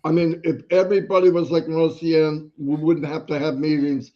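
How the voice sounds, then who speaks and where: A man co-hosting a livestream in a casual, motivational way, his pitch high for a man. He talks emphatically and keeps repeating his key points. The stream audio sounds dull and lo-fi. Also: little pitch movement, normal speed. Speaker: livestream co-host.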